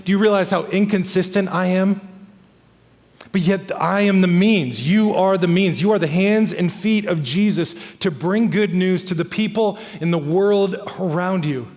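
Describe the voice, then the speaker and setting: A man's voice: high-pitched, moderate pace, few pauses, a little mellow, in a large hall. A male pastor preaching a sermon in an earnest, emphatic way, repeating key phrases. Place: church sanctuary.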